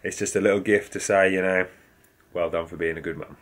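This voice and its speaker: A man's voice: sits low, fairly even intonation, a little fast, fairly bright tone. A young man talking casually to camera in a home vlog, upbeat and chatty with lots of fillers. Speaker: fitness vlogger.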